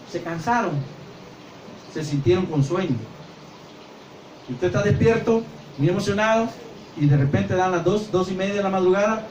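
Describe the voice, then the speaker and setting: Older guy preaching in a church, acts out the bits, roomy echo, faint hiss behind. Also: fairly high pitch. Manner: animated preaching, acts out voices and gestures. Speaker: pastor. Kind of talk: sermon. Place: church hall. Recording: echoey church sound from far off with faint noise.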